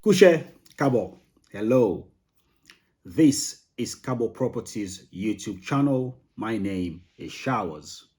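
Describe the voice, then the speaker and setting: A man's voice: on the low side, expressive, slow pace, darkish tone, faint music behind. A man with a Sierra Leonean accent hosts a video channel, chatting casually to viewers in an informal, rambling way with repeated phrases. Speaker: YouTube host of a property channel. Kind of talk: casual chat to camera.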